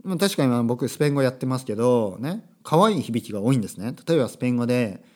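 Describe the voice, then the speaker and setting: Chatty man with a lively voice. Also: medium pitch, racing. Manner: chatty, self-correcting, asks listeners rhetorical tags. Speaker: podcast host. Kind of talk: casual solo podcast talk. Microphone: podcast microphone.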